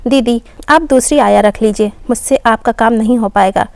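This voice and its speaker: A woman's voice: on the high side, moderate pace, no room sound, close to an everyday voice. A woman voicing a tired housemaid who complains about her hard work. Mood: weary, complaining. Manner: complaining, weary. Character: worn-out housemaid, tearful and complaining.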